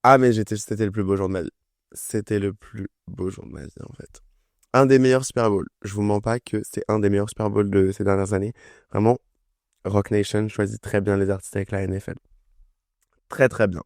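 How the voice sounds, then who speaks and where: Chatty young man with a low voice. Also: steady tone, a little fast, darkish tone, no room sound, clean studio sound. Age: young adult. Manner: enthusiastic, chatty, full of fillers. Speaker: music review vlogger. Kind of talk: casual chat.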